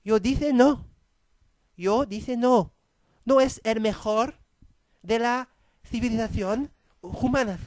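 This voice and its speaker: Guy doing a mean spanish queen, silly fake spanish accent, highish voice. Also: slow pace, long pauses, a little mellow, no echo. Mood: menacing. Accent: mock Spanish. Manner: mangled fake-Spanish words, threatening. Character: haughty female Spanish queen, menacing. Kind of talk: comic sketch impression.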